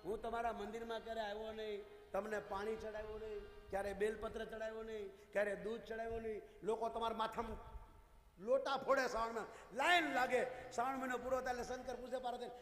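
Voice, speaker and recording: A man voicing a poor, frightened male thief who begs for mercy in a hushed, tearful way, in an echoey hall with faint music behind. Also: extremely high pitch.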